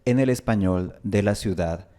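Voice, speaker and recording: A man with an Ecuadorian highland Spanish accent teaching a language lesson, deliberately spelling out and repeating sample words. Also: warm tone.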